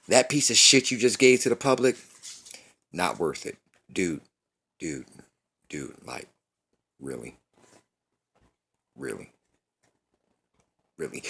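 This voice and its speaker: Guy in his 30s going off about a movie, swears a lot, repeats stuff, lowish voice that jumps all over. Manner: angry, profane, repeats himself; slangy street talk. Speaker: movie reviewer. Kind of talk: ranting casual review.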